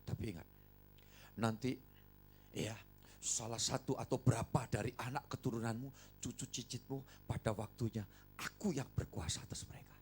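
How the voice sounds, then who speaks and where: A man's voice: mid-range voice, fairly even intonation, moderate pace, long pauses, a little hiss or hum, close to an everyday voice. A man voicing a whispering tempter devil. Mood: tempting. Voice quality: hushed and whispery. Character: sly tempting male devil.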